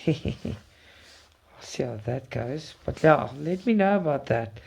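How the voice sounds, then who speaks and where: A woman with a low, darkish, slightly rough voice and some vocal fry speaks slowly but with plenty of animation. She is a South African cross-stitch channel host whose first language is Afrikaans, chatting casually and effusively with live viewers, often repeating words.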